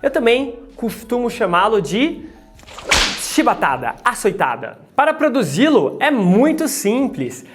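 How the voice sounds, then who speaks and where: A woman's voice: fairly high pitch, sing-song, a little slow, music in the background. A Brazilian woman with a Brazilian Portuguese accent, teaching pronunciation in a playful video lesson full of jokey asides and repeated drills.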